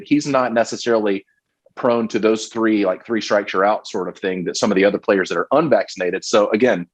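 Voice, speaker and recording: A man co-hosting a college football podcast, talking casually with lots of fillers and restarts. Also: on the low side. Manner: rambling, many fillers and restarts. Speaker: podcast co-host. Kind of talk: casual sports podcast chat.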